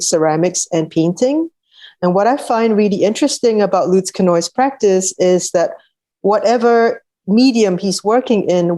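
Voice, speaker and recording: A woman's voice: fairly low pitch, dark tone. A woman moderating a poetry reading, introducing the guests in a fluent, formal way with small hesitations. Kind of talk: introductory speech.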